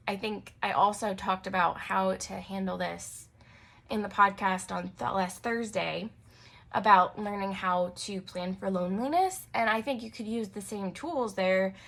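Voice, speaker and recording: A woman's voice: mid-range voice, creaky, a bit bright. A young adult woman hosting her own podcast as a naturopathic doctor, talking casually with frequent fillers and light laughs. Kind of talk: casual solo podcast talk.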